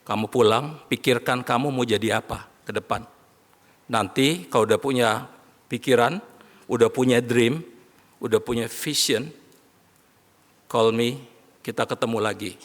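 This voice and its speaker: A man preaching a sermon as pastor, animated, often rising to shouts as he addresses the congregation. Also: medium pitch, a little slow, pauses often. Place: large worship hall. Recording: long hall reverb.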